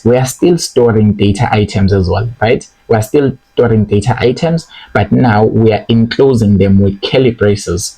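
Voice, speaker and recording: A man's voice: on the low side, warm tone, rough recording. A young man teaching a programming lesson, explaining step by step and checking in with "okay?" and "right?". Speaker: programming tutor. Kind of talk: screen-recorded coding lesson.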